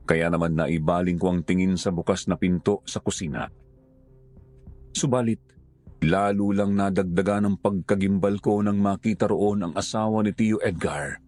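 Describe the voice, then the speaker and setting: A man narrating a scripted horror story in a slow, solemn, hushed way. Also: low-pitched.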